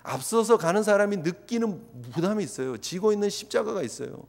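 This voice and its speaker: A man's voice: high voice, lively intonation, a little fast, gravelly. A male pastor preaching a fervent sermon, urging his congregation and acting out prayers along the way. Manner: fervent, exhorting, voices prayers as asides. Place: church sanctuary. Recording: long reverb of a church hall.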